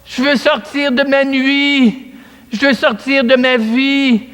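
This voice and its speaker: A man's voice: on the high side, little pitch movement, a little slow, close to an everyday voice. A man with a Québécois accent voicing Bartimaeus, a blind male beggar who pleads for change and then cries out desperately, in an echoey church hall. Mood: desperate crying out. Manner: begging mumble, then crying out loudly.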